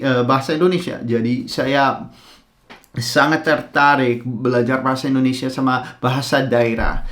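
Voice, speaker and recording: A man from the Netherlands, explaining word origins in a casual, hesitant way with frequent filler sounds. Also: mid-range voice. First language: Dutch. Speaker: content creator explaining language history. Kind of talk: casual explainer talking to camera.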